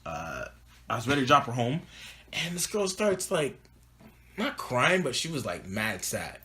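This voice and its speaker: A man's voice: mid-range voice, big pitch swings, measured pace, bright, forceful tone. A man co-hosting a casual podcast, telling a story in a slangy, loose way and peppering his talk with "bro" and "dog". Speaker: podcast co-host.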